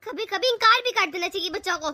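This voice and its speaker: Speaking fast in a very high, sharp, exaggerated voice, a woman expressively portrays a stubborn, scolding older mother-in-law in a homemade family drama, nagging in a stern way.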